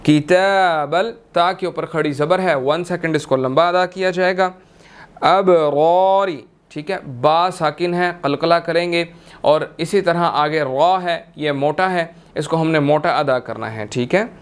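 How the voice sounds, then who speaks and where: High, smooth-voiced man teaching tajweed. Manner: slow drawn-out melodic recitation, then brisk explanation. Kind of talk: tajweed lesson with chanted recitation.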